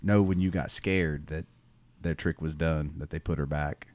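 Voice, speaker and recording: At an extremely low pitch and a moderate pace, in a dry recording, a man who teaches school and co-hosts a podcast casually recounts a story. He rambles comfortably, using many fillers like "um" and "you know," and chuckles from time to time.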